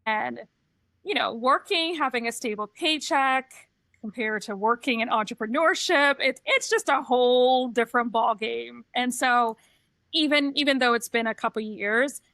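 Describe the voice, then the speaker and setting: Bright-voiced middle-aged woman, candid. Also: on the high side, normal speed, no room sound. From Trinidad and Tobago. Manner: reflective, candid, personal storytelling. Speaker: podcast co-host, transition coach. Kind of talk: casual podcast chat.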